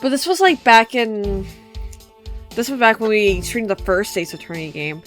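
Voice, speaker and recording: A woman's voice: mid-range voice, animated, normal speed, faint music behind. A young woman streamer chatting casually with friends while playing a game, teasing them and laughing often. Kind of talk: casual let's-play chat.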